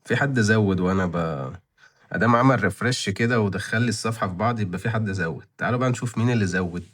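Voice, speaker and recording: Fast-talking Egyptian man in his twenties. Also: fairly low pitch, a bit bright. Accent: Egyptian Arabic. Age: 20s. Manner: chatty, rambling, thinking aloud with many repeats. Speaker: channel host reviewing license plate auctions. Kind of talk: casual commentary to viewers.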